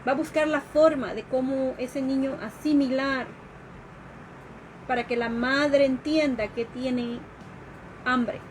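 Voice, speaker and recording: A woman educator giving an informal live-streamed talk, explaining slowly and carefully, with fillers and restarts. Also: sits high, steady tone, a little hiss or hum, poor audio. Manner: explanatory, with fillers and restarts, acts out quoted questions.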